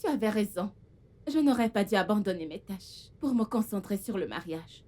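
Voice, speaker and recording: A woman's voice: mid-range voice, lively intonation, moderate pace, a little mellow, natural voice. A woman dubbing a film role: a haughty, vain young woman who bosses her new housemaid around. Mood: sweet. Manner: haughty, commanding, scolding. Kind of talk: dubbed film acting.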